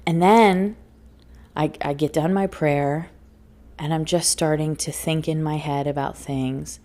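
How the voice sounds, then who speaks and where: A woman hosts a solo spiritual self-help podcast as a life coach, speaking a little slowly with fairly even intonation in a low, darkish voice. Her motivational talk is earnest and emphatic, full of laughter and phrases repeated for emphasis.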